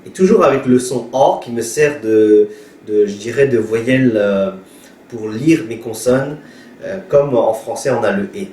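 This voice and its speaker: A man with Hmong as his first language teaches a language lesson at a very unhurried pace, patiently repeating each sound aloud. His voice sits back from the microphone in an echoey room. A faint hum of ambience runs underneath. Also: mid-range voice, a little mellow, distant mic. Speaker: pastor teaching Hmong reading. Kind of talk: slow spoken language lesson. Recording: roomy echo, voice from afar, faint ambience.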